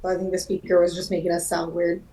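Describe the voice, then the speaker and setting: A woman's voice: fairly low pitch, monotone, fast, dark tone. A woman player in a casual tabletop game chat, her voice coming through muffled over a connected bluetooth speaker. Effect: muffled, distant sound through a connected bluetooth speaker setup.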